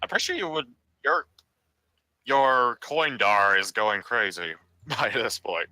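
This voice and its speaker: Male tabletop player, laid-back, teasing, slow, very bright dry sound. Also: medium pitch, animated, dry recording, poor audio. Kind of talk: casual game chat.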